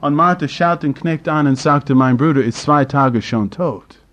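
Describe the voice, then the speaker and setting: A man preaching a sermon in slightly broken German, firing rhetorical questions at the congregation and swinging between loud and hushed. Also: a little high, a little slow, muffled recording.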